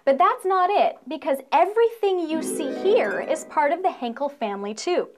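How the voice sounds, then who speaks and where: A woman's voice: high voice, expressive, normal speed, music in the background. A young adult woman presenting a scripted promotional video in an upbeat, playful, salesy way.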